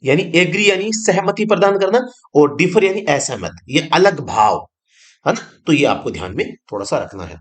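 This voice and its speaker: Male teacher, fairly high and very animated pitch, repeats words, quizzes the class. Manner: explains slowly, repeats each word and meaning, asks the class questions. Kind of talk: online exam-prep grammar lesson.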